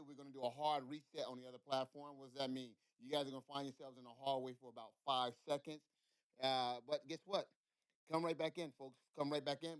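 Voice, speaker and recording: A male podcast host speaks with energy, circling back over the same points. His voice is smooth and clean, recorded dry with almost no room sound. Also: mid-range voice, dry recording. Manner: energetic, repeats himself, many fillers. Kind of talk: live podcast hosting.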